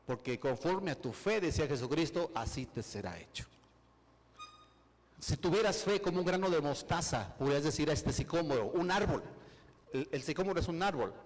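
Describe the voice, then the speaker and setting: A man preaching a sermon, acting out people's excuses and building to loud, emphatic preaching. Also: a little high, lively intonation, normal speed, long reverb tail. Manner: acts out excuses in quoted voices, rises to loud emphatic preaching. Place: church hall.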